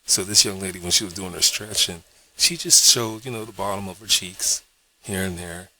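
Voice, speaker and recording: A man with a fairly low, bright, forceful voice talks in a loose, rambling vlog monologue. He curses freely and keeps checking in with his listener. A faint hiss of noise sits behind him. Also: moderate pace. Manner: profane, rambling, frequent "you know what I mean". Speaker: vlogger.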